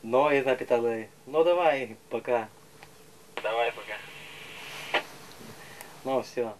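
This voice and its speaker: A man from Russia explaining his village home in a halting, casual way, with many fillers and repeated phrases, outdoors in the snow. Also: medium pitch, heavy background noise. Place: outdoors in a snowy village and in a cellar.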